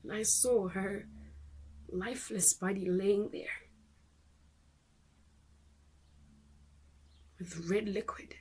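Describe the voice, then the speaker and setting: A woman playing a breathy, halting young mother. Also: mid-range voice, fairly even intonation, darkish tone. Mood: hushed, shaken. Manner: halting, with repeated restarts. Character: young mother recounting her baby's death. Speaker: monologue actor. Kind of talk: dramatic monologue.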